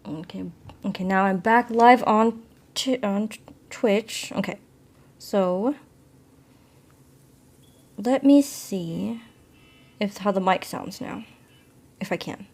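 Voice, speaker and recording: A woman's voice: mid-range voice, slow pace, long pauses, darkish tone. A woman live streaming from her phone with a plugged-in mic, chatting apologetically with viewers and reading a story game aloud. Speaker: livestreamer.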